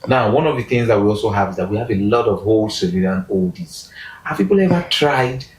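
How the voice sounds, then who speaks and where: A man appears as a guest in a casual interview, speaking fast and animatedly in a lowish voice that he pushes upward for emphasis, often restarting sentences. The recording has a roomy echo.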